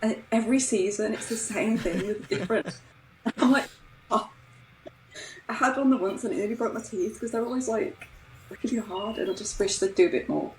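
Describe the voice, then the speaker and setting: A woman's voice: medium pitch, fast, darkish tone. Woman, far off mic, echoey room, casual chat. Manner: chatty, with fillers. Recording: echoey, distant, faint noise.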